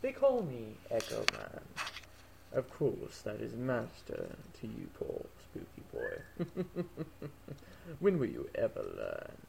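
A man's voice: mid-range voice, huge pitch swings, slow, gravelly, background noise, exaggerated voice. A man voicing a smug, taunting male villain program from a video game.

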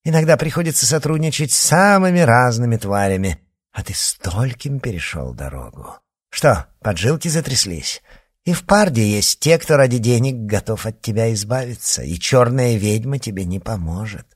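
A man voicing a spiteful, scheming adult witch woman, taunting with threats in a husky voice. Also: mid-range voice, expressive, normal speed, voice pushed up. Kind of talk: audiobook character reading.

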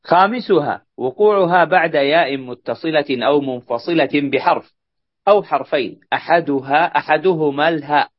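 A man's voice: on the high side, dry recording. Man reading a textbook aloud, muffled. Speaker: student reading the text aloud. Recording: dull lo-fi dry recording.

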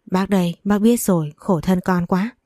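An older mother-in-law who speaks slowly and soothingly, with a sharp edge, played by a woman narrator. The tone is low and mellow. The sound is dry and close, in a storybook audio reading. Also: no room sound, natural voice. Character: older mother-in-law, doting yet harsh.

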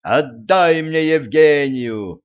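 A man voicing a bold young hero-prince who bellows slow, drawn-out challenges, on a dull lo-fi recording. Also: fairly high pitch, lively intonation, clear, resonant tone, voice pushed up. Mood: bellowing challenge. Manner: shouting, drawn-out, heroic. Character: young male hero-prince, loud, bombastic.

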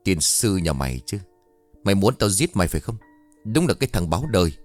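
A man voicing a cruel, violent foster father who shouts threats quickly. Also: low voice, expressive, soft background music. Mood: furious.

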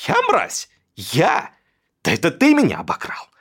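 A man voicing a pampered, self-pitying young man who whines and breaks into falsetto. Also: huge pitch swings, measured pace, a bit bright, breathy edge, exaggerated voice. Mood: aggrieved.

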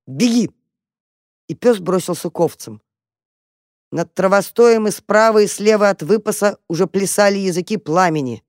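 Narrator: woman reading a children's story, calm and expressive, dry close recording. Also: medium pitch, moderate pace, no echo. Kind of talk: audiobook narration of a children's tale.

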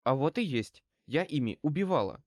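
A man's voice: medium pitch, lively intonation, moderate pace, no echo, clean studio sound, close to an everyday voice. A man reading an audiobook and voicing a brassy, defiant female crook who snaps back with sneering retorts. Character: middle-aged female small-time crook, brassy and defiant.

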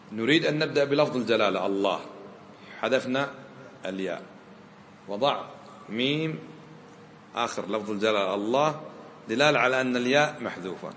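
A man's voice: lowish voice, fairly bright tone, a little hiss or hum. A man teaching a grammar lesson, questioning his students and mixing dialect into his explanations. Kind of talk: classroom lesson. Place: lecture room with students. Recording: roomy echo.

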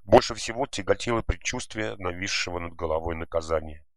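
A man narrating an audiobook in a measured, expressive way. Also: deep voice, dry recording, studio quality. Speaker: audiobook reader.

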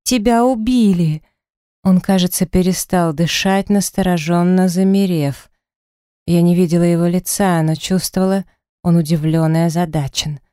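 A woman narrating a first-person audiobook in an expressive, dramatic storytelling manner, recorded in a studio. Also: lowish voice, normal speed, clear, resonant tone, dry recording.

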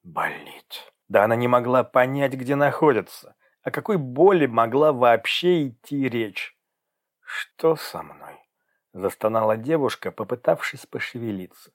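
A man narrates an audiobook in a measured, even way. His voice sits at a middle pitch for a man. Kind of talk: scripted narration.

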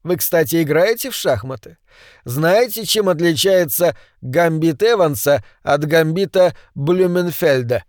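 A man's voice: expressive, unhurried, darkish tone, no echo, studio quality. A man voicing a fat, childish middle-aged man who babbles and pleads in a whiny voice. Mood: chattering. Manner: whiny, high-pitched, babbling.

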